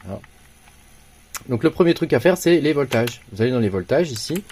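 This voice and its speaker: A man walks through a computer tutorial in a loose, informal way, stopping often on fillers and restarting his sentences. His voice sits at an ordinary pitch, with soft keyboard typing faintly audible behind him. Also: slight background noise. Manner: hesitant, many fillers and restarts; informal, slangy. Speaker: tech tutorial host. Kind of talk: casual screen-recorded tutorial.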